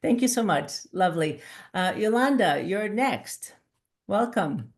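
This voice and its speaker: A woman's voice: medium pitch, expressive, a little slow. A woman moderating a webinar, thanking speakers and handing off to the next one.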